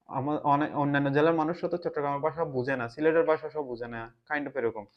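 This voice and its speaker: A man from Bangladesh with a Bangladeshi Bengali accent talks casually to the camera in a reflective way, often pausing to search for words. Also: fairly high pitch, steady tone. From Chittagong, Bangladesh. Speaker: vlogger. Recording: slightly dull lo-fi sound.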